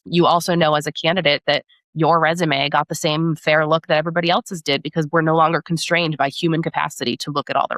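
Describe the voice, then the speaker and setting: Deep-voiced and a bit bright, a woman who works as a product marketing director talks as a podcast guest in a conversational interview. She explains things and regularly checks in with tag questions, and the recording has no room sound.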